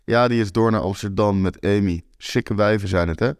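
A man's voice: fairly low pitch, moderate pace, dry recording, studio quality, natural voice. A man voicing a crude, easygoing male party host with a mustache, in a spoken story. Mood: casual.

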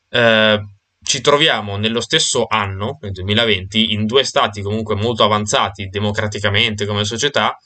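A man with a fairly low, bright and forceful voice steers a casual discussion over a video call. He thinks aloud, pausing on fillers and restarting his sentences.

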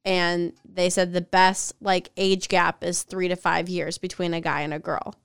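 A woman's voice: fairly low pitch, little pitch movement, measured pace, gravelly, clear, resonant tone, no echo. A woman, co-hosting a podcast in playful, teasing chat. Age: 20s. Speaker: podcast co-host. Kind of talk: casual chat.

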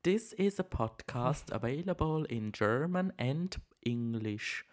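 A slow, flat, robotic monotone in the style of an automated flight welcome message, put on by a man from Vorarlberg. Each word comes out drawn-out and evenly measured, with a deliberately level and mechanical delivery. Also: mid-range voice. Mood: robotic, polite. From Vorarlberg, Austria. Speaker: podcast co-host. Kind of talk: mock in-flight welcome announcement.

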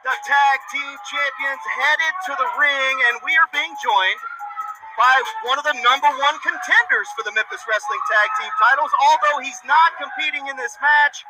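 A man hosting a wrestling show with energetic sports commentary. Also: extremely high pitch, moderate pace, rough recording. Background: music.

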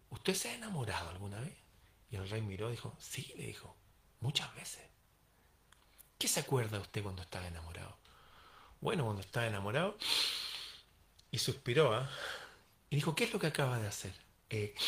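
A man's voice: mid-range voice, fairly bright tone. A man telling a parable aloud, acting out the dialogue in varied voices. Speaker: storyteller. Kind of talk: oral storytelling of a parable.

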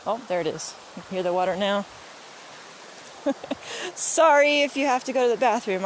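A woman's voice: a little high, a little hiss or hum. A mother talking casually and encouragingly to her viewers while out on an early morning walk by a creek. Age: adult mother of young kids. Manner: chatty, encouraging, talks directly to viewers. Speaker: vlogger. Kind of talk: casual motivational vlog. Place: outdoors by a creek in the woods.

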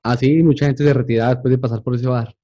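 A man's voice: mid-range voice, fairly even intonation, fast talker, mellow. A man hosting a podcast interview, asking questions with joking, teasing remarks. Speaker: podcast host. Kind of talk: casual interview chat. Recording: dull lo-fi sound.

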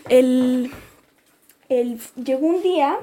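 Chatty teenage Chilean girl, high voice. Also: slow pace, warm tone. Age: teens. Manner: chatty, laughs often, storytelling. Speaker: podcast co-host. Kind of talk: casual chat.

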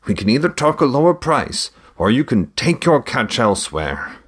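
A man's voice: medium pitch, big pitch swings, moderate pace, slightly rough, pitched above the performer's own voice. A man voicing a shrewd older merchant who haggles with theatrical flair in a read-aloud story. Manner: theatrical, bargaining.

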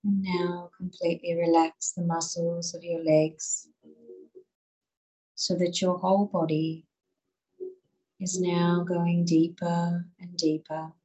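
A woman guiding a listener through muscle relaxation in a slow, soothing voice. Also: lowish voice, warm tone, husky, low-quality recording. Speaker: relaxation guide. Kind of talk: guided relaxation.

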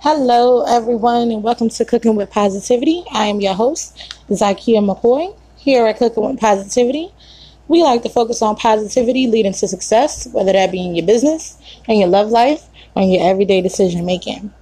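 A woman's voice: fairly high pitch, brisk, mellow, husky, dry recording, rough recording. A woman podcast host delivering scripted announcements to her listeners.

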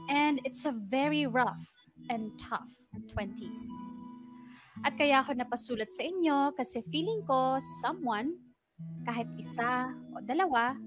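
Woman narrating a letter over soft music. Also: on the high side. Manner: earnest, confessional storytelling. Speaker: radio drama narrator reading a listener's letter.

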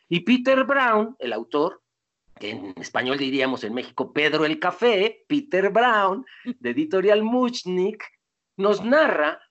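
Animated lecturer. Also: medium pitch. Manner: animated, digressive, asks rhetorical questions and answers them. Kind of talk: informal lecture to an audience.

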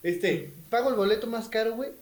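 Young mexican man, high voice, joking complaints, echoey room. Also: brisk. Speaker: podcast co-host. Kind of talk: casual chat.

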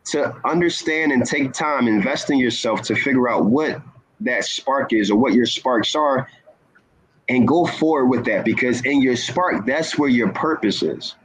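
A man speaking as a guest in an inspirational talk, earnest and measured, stressing key words. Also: mid-range voice, breathy edge, rough recording. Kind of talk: inspirational talk-show conversation.

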